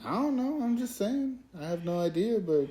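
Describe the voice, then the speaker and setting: A man's voice: sits high, lively intonation, moderate pace, warm tone. A man co-hosting a casual movie review, laid-back and hedging, with lots of "like".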